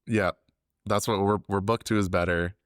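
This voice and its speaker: A man's voice: fairly low pitch, fairly even intonation, normal speed, clear, resonant tone, no room sound, clean studio sound. A man co-hosting a book podcast, chatting casually and laughing easily. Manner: laughs easily, loose and joking. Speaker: podcast co-host. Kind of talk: casual chat.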